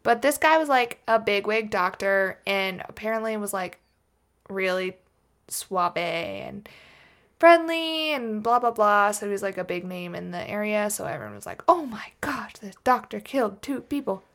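A woman's voice: mid-range voice, animated, normal speed, fairly bright tone. A woman co-hosting a casual true-crime podcast, rambling and joking and laughing often as she tells the case. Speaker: podcast co-host.

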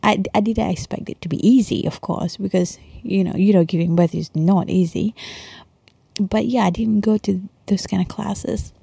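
A Malaysian woman speaks in a very breathy, whispery hush with a crackly edge. She chats casually like a late-night podcaster confiding in listeners, slipping in Malay slang. The sound is close and dry. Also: mid-range voice, fairly even intonation, moderate pace, no room sound. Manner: hushed, chatty, peppered with Malay slang and "lah". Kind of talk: casual confessional monologue, mostly whispered. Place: quiet bedroom at home at night.

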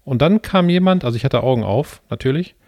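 A young man co-hosting a casual podcast, telling a story from his childhood in a relaxed way. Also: mid-range voice, fast talker, no room sound, clean studio sound. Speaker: podcast co-host. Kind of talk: casual chat.

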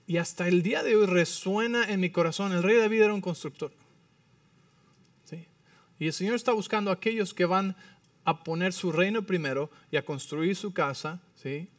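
High-voiced pastor preaching with energy. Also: male voice, no echo, far from the mic. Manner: animated preaching, frequent "¿sí?" check-ins. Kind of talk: sermon.

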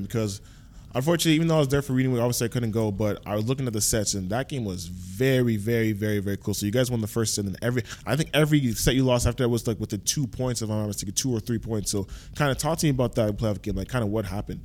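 Fast-talking young male podcast host. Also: lowish voice, a little mellow. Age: 20s. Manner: chatty, fast, lots of filler like and obviously. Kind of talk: casual podcast interview.

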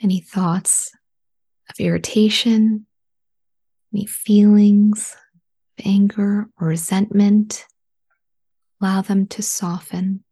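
A woman leading a guided relaxation in a soft, soothing spa whisper, hushed, breathy and gentle. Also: mid-range voice, fairly even intonation, slow pace, long pauses.

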